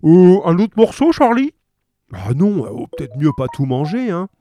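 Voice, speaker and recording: A group of hungry policemen chat and mumble through mouthfuls, all voiced by one man reading a story. The voices are pitched up from his own and swing widely. They are loud, mellow and close. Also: sing-song, unhurried, dry recording, faint music behind. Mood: gruff. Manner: mumbling, chewing, casual.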